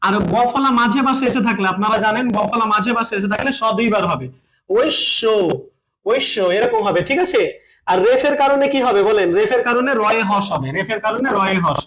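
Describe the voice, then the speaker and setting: A man's voice: high-pitched, fast talker, fairly bright tone, poor audio. A man teaching a spoken lesson at a board, asking questions and answering them himself and repeating key points.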